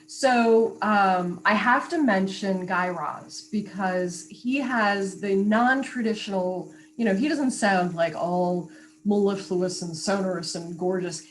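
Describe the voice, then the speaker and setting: A woman's voice: medium pitch, slight background noise, low-quality recording. A woman who works as a voice coach, talking animatedly and emphatically in a casual interview. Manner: animated, emphatic, quick asides. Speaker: voice coach and guest.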